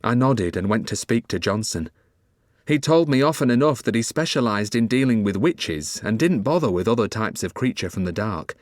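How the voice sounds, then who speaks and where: Expressive male audiobook narrator. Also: mid-range voice, normal speed, dry recording, studio quality. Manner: expressive first-person storytelling.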